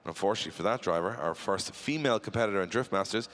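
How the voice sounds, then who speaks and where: A man's voice: on the low side, racing, a bit bright. A man giving live drift commentary, chatty and bantering with his co-host.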